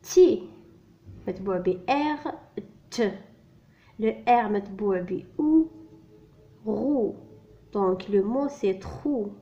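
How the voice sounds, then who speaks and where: A woman's voice: mid-range voice, expressive, slow, long pauses, dark tone. Woman, beginner reading teacher, spells letters then repeats words, muffled lo-fi sound. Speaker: French teacher. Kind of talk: slow spelled-out reading lesson. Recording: dull lo-fi recording.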